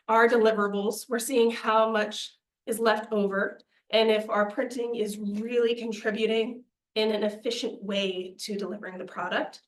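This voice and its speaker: A young woman presenting a student media budget to a committee, earnest and persuasive, a little out of breath. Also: fairly high pitch. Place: meeting room. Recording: echoey meeting room.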